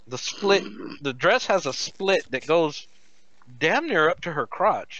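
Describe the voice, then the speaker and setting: Slow, bright-voiced male game master. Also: on the high side, no room sound, lo-fi sound. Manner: descriptive and unhurried, with many fillers. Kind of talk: narrating a tabletop game.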